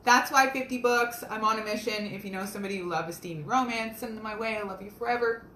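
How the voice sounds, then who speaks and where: Young woman author, live-stream chat from her home kitchen; crisp, forward tone, roomy echo off the walls, rambling, upbeat. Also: medium pitch, fast talker, bright, forceful tone, slight background noise. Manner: chatty, rambling, earnest and upbeat. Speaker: self-published romance author. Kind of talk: casual live video chat to viewers.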